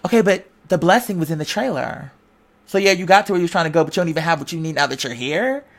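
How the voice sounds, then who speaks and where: This fast-talking woman has a lowish voice and lively intonation. As an online creator giving a pep talk, she stays informal and slangy, repeating herself with preacher-like emphasis.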